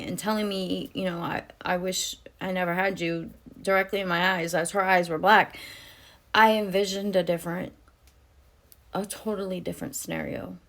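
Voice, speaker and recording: A tearful woman giving an earnest, emotional spiritual testimony, speaking to her viewers and filling her talk with "you know". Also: mid-range voice. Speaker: spiritual vlogger. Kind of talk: personal testimony to camera.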